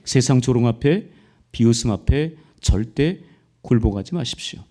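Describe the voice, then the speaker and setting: A male pastor preaching a sermon, with impassioned delivery that rises to near-shouting peaks and direct rhetorical questions to the congregation. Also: mid-range voice, lively intonation, normal speed.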